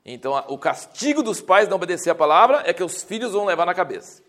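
A man's voice: high voice, very animated, fast talker, fairly bright tone. A man teaching a Bible class in a conversational, explanatory way, often restarting his sentences and rising to emphatic stretches.

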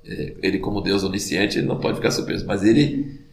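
A man giving an informal Bible teaching in a conversational, animated way, often checking in with the listener. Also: low voice, quick pace, gravelly. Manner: conversational, animated, tag questions like "né?" and "entendeu?". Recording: roomy echo.

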